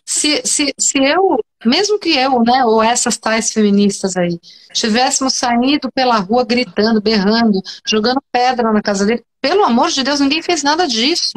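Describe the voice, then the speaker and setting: A woman's voice: a little high, expressive, normal speed. A Brazilian woman psychoanalyst talking animatedly as a guest in an online interview, emphatic and often restarting her sentences. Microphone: video call.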